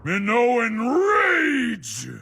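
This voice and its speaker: An actor playing a proud, vengeful minotaur warrior in a video game, with emphatic, declamatory delivery. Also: male voice, extremely high pitch, huge pitch swings, drawn-out words, vocal fry, noisy background, heavily acted. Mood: furious. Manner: emphatic, declamatory, bellowing battle cries. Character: proud raging minotaur warrior, vengeful hammer-wielding beast-man. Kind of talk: video game character voice lines.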